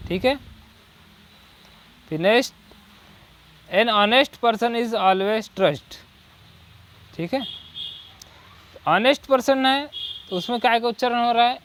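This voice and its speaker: In a Hindi lesson on English articles, a high-voiced male coaching teacher drills students with repeated rhetorical questions and "ठीक है." He reads the English example sentences slowly.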